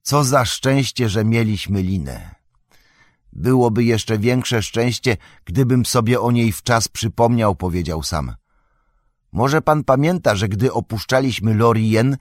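Sam: a man voicing an excitable loyal hobbit servant, raised and loud, rough self-scolding, audiobook. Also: mid-range voice, measured pace, dry recording, clean studio sound, pitched above the performer's own voice, lightly acted. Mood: rueful. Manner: frantic, shouting, scolding himself.

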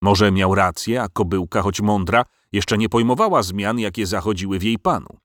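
A man narrating a storybook in an expressive, measured way. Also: fairly low pitch, no room sound, clean studio sound.

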